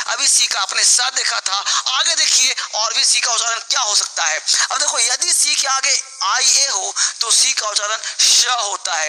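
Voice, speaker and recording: High, bright-voiced teacher. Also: male voice, low-quality recording. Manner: drills words aloud, preachy and motivational asides. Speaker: English teacher. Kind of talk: spoken English lesson.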